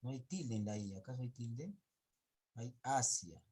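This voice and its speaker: A man's voice: mid-range voice, lively intonation, normal speed, warm tone, breathy edge. A man teaching an online class, going over pupils' reading mistakes and counting errors aloud.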